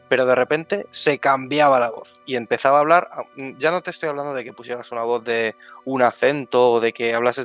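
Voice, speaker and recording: Male player, casual effusive feedback, mid-pitched. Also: fairly bright tone. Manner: effusive, repeats words for emphasis. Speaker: tabletop game player giving feedback. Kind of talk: casual post-game feedback chat.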